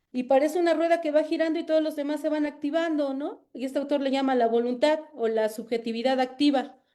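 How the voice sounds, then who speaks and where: A woman invited as a researcher gives a thoughtful academic talk, frequently pausing and repeating words as she looks for the right ones. Her voice sits high and has a dark tone.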